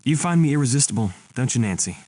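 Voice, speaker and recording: An actor playing a slick soap-star flirt in a video game, with hammy, affected bad acting. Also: male voice, mid-range voice, lively intonation, fast talker, mellow, dry recording, close to an everyday voice. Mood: smug flirting.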